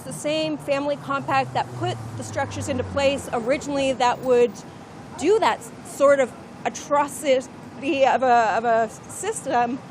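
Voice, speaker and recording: A woman's voice: sits high, noisy background. A woman who is a school teacher giving a thoughtful, articulate street-interview answer. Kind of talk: street vox pop answer.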